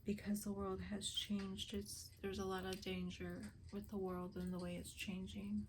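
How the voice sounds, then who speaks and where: An older woman running a spirit box session for her vlog, speaking in a hushed, often whispered, earnest and emotional way, pleading for signs. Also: medium pitch, completely flat delivery, normal speed, noisy background.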